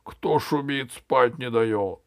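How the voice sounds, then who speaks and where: A man's voice: fairly high pitch, very animated, a little slow, darkish tone, no echo, clean studio sound, pitched above the performer's own voice. A man reading an audiobook voices a good-natured many-headed dragon who talks in a folksy, chatty way.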